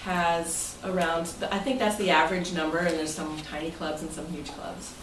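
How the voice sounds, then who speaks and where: A woman with a lowish voice and little pitch movement talks at a moderate pace. In her role as club president, she chats conversationally through a presentation to members in an indoor room. A distant mic leaves the audio roomy, and the room is noisy.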